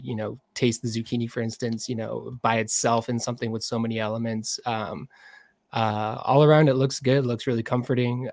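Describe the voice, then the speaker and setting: A man's voice: medium pitch, a little mellow, no echo. A man giving hesitant, filler-heavy feedback as a cooking judge over a video call.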